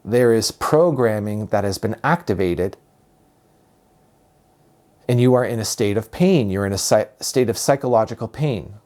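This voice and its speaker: A man giving a reflective spiritual talk as a teacher, speaking calmly and unhurriedly and repeating phrases for emphasis. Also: on the low side, normal speed, long pauses.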